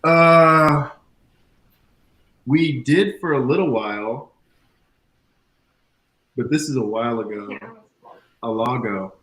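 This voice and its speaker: A man's voice: mid-range voice, slow, pauses often, fairly bright tone. A man chatting casually as a guest, rambling with fillers. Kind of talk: casual chat.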